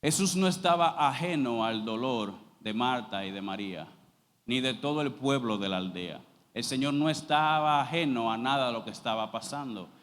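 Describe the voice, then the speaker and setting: A man preaching a sermon as pastor, reading scripture aloud slowly and then explaining it with rising emphasis. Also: mid-range voice, a bit bright. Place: church sanctuary. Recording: long reverb of a church hall.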